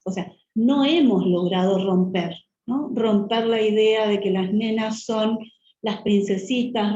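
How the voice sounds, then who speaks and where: Woman, Uruguayan accent, guest speaker lecture, measured and thoughtful, warm mellow tone, echoey muffled room, faint hiss. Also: a little high. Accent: Uruguayan Spanish. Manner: measured, thoughtful, frequent rhetorical tag questions. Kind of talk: lecture talk.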